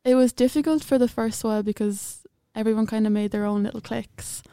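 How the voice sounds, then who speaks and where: A woman's voice: on the high side, fairly even intonation, a little fast, warm tone, smooth, no echo, studio quality. A young woman from County Offaly in Ireland with an Irish Midlands accent, chatting casually as a student guest in an interview. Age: young adult.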